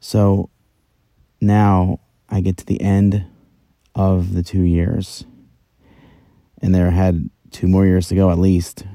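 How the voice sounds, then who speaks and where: A man's voice: sits low, completely flat delivery, takes it slowly, pauses often, mellow, no room sound. A middle-aged man hosting a solo podcast from inside a closet, telling his own story in a casual, conversational, self-deprecating way. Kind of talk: casual first-person podcast monologue. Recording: very dry, close closet recording.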